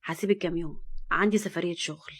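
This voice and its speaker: A woman with an Egyptian accent voicing a cold, domineering rich man who speaks curtly and low. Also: fairly even intonation, fast, breathy edge. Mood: cold, commanding. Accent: Egyptian Arabic. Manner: curt, low and menacing.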